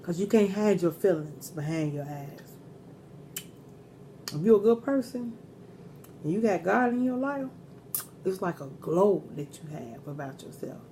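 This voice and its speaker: A woman's voice: fairly low pitch, lively intonation, unhurried, long pauses, warm tone, a little hiss or hum. A middle-aged woman chatting casually and giving earnest advice while eating crunchy fried chicken in a mukbang. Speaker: mukbang host.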